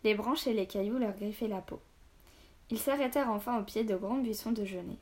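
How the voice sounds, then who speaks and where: A woman narrates a children's audiobook with steady, expressive delivery. Her voice sits at a middling pitch, neither high nor low. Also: brisk.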